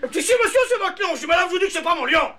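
A man voicing a shrill, indignant female neighbor who talks quickly and insistently, on a noisy recording. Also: animated, far from the mic.

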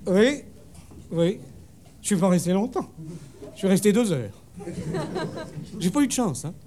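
A man telling a comic story on stage in a deadpan way, breaking into sudden high shouted punchlines. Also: unhurried. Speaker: stand-up comedian. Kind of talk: comic monologue before a live audience. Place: theatre stage with a laughing audience. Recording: live show recording with crowd laughter and noise.

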